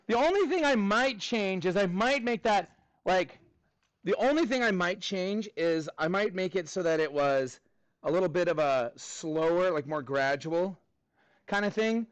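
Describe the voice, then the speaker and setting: A middle school math teacher with a high-pitched voice addresses his class informally and with animation, encouraging students along the way. His intonation is lively and his pace measured. The sound is close and dry, with no echo.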